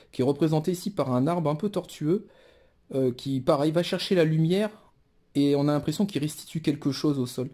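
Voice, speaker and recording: A man's voice: fairly high pitch, warm tone. A man casually presenting a tarot deck card by card, musing aloud with many fillers and restarts. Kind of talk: casual show-and-tell presentation.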